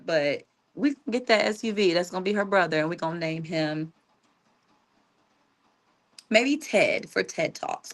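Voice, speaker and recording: Woman on a radio guest spot, lowish voice, laughs a lot, jokey chat into a studio mic. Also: fairly bright tone. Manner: laughs often, chatty and joking. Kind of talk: casual chat. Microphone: studio microphone with headphones.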